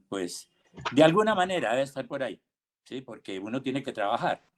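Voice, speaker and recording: An older man, an invited theatre director speaking on a video call in a reflective, deliberate way, full of pauses, fillers and emphatic rhetorical questions. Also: medium pitch. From Colombia. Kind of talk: reflective panel talk. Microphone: computer or headset mic on a video call.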